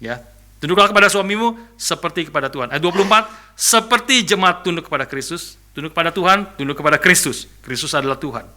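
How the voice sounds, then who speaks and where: A man delivers a lively church sermon in a notably bright, forceful voice that sits somewhat high. He repeats key phrases, tags lines with "ya", and throws rhetorical questions at the congregation with touches of humor. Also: quick pace. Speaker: pastor.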